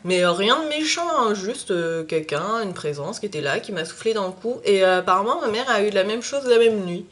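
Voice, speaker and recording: A young woman talks casually to her viewers in a vlog, pausing often with fillers as she searches for words. Her phrases fade softly at the ends, and her voice sits at an ordinary middle pitch. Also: expressive. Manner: hesitant, full of "euh" fillers; phrases trailing off quietly. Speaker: YouTube vlogger. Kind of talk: casual chat.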